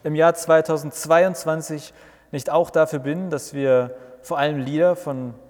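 A man's voice: medium pitch, normal speed, lightly acted. A man voicing a grumpy, indignant old male church reformer who blusters and complains, in a reverberant recording. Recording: long reverb.

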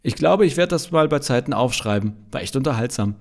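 A man doing a cheeky laid-back flatmate. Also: mid-range voice, fairly quick, gravelly, voice pushed up. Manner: cheeky, amused.

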